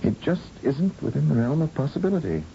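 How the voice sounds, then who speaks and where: In a 1970s-style radio drama, an actor portrays a weary, grim male scientist, speaking bluntly and with grim resignation. His gravelly, mellow voice is sing-song and fairly quick, heard through a muffled, noisy old radio broadcast with rumble.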